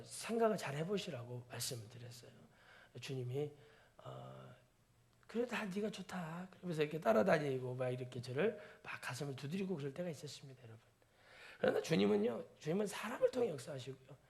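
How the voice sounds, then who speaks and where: A man pastor preaching a sermon in a church, his slightly high voice rough with gravel. He keeps turning questions on the congregation. His delivery swings from hushed, breathy near-whispers to loud exclaimed peaks. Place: church sanctuary.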